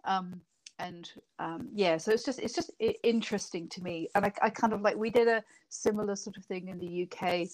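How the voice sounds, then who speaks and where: The audio is poor, but the woman's mid-range, slightly mellow voice comes through at a fairly quick clip. A middle-aged British former lawmaker, she's the guest in a relaxed interview, rambling along and laughing readily.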